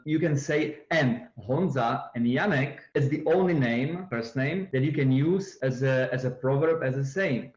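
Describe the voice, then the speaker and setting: A man from the Czech Republic with a Czech accent, a podcast guest telling stories with many pauses and non-native phrasing. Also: medium pitch. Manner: storytelling, hesitant with frequent uh fillers, non-native phrasing. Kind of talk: casual interview chat. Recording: roomy, dull lo-fi sound.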